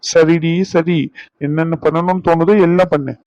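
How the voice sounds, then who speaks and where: A man voicing a hot-tempered young husband who is protective of his family, blunt and quick to anger. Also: a little high, flat delivery, a little mellow, dry recording, natural voice, poor audio. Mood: sulky. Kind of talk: cartoon voice acting.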